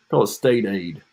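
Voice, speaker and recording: On this podcast, a male co-host with a gravelly, husky, lowish voice rambles and cracks jokes in loose conversation. He tends to lose the thread mid-thought, and his home mic adds an echo.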